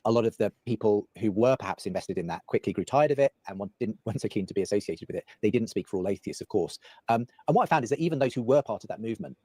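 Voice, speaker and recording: Very fast-talking, husky, low-voiced man. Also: animated, mellow, dry recording. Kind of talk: conversational discussion.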